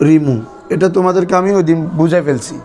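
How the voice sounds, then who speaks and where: A man's voice: high voice, brisk, faint music behind. A man teaches a grammar class. He drills his students, repeating key terms and asking them back for answers. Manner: quizzes students with repeated questions. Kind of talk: classroom lesson.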